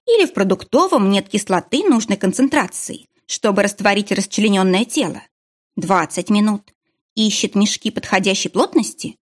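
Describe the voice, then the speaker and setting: A woman reading a first-person audiobook with expressive, emotional dialogue. Her voice sits in a middle pitch and moves in a lively, animated way. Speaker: audiobook narrator.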